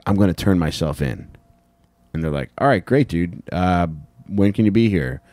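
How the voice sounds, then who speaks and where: Low and a bit dark in tone, this American podcast co-host jokes crudely and curses his way through a laid-back comedy show. The recording is dry, captured on a close handheld microphone inside a small room with wood panelling.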